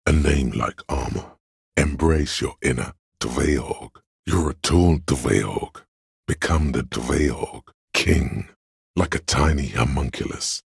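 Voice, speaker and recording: A very deep, gravelly, husky bass male voice plays the lofty, critical artistic muse inside a detective's mind, narrating a game dramatically. The delivery is slow, deliberate, theatrical, and pretentious like an art critic, exaggerated and recorded in clean studio quality with no room sound.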